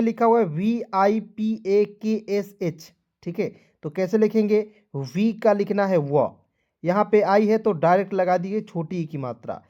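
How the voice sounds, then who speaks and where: A man's voice: high voice, a little mellow. A male teacher giving a beginners' spelling lesson, repeating each step and coaxing his viewers along as friends.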